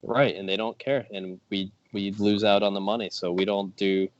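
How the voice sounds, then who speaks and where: A man who runs a performance car shop, speaking as a guest on a casual podcast in a measured, matter-of-fact way. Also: on the low side, fairly even intonation, dull audio.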